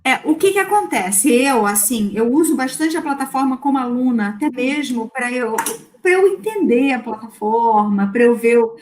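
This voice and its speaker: A woman's voice: fairly high pitch, animated, normal speed, darkish tone. A woman with a Carioca accent, talking casually as a guest speaker, with many fillers and restarts. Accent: Carioca Brazilian Portuguese. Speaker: guest speaker on language learning. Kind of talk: casual talk in an online panel.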